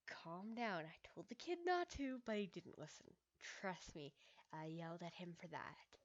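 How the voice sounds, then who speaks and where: A woman's voice: on the low side, very animated, measured pace, highs cut off. A woman reading as a lazy defensive cat creature.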